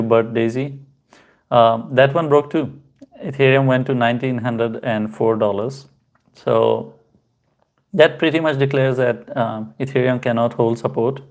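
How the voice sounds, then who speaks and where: A man hosting a casual crypto livestream, answering viewer comments in a halting way with many fillers and chatty asides. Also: medium pitch. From Pakistan. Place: home, in Canada.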